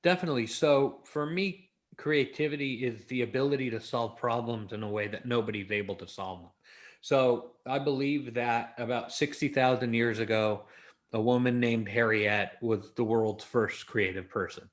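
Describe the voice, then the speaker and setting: Speaking in a moderate-paced, medium-pitched voice, an Angeleno with an American accent chats informally during an interview, spinning his answers into stories.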